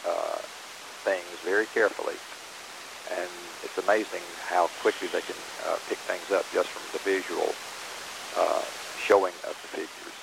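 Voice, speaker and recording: Deep gravelly man with a Southern accent. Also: fairly even intonation, background noise. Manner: halting, repeats words, many fillers. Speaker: interviewee, round dance teacher. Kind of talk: casual interview.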